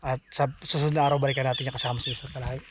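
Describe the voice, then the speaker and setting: A man vlogging outdoors near a forest, talking in a hushed, uneasy way and urging his companion to leave. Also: mid-range voice, flat delivery, very fast. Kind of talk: casual vlog narration. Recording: dull lo-fi phone audio with outdoor noise.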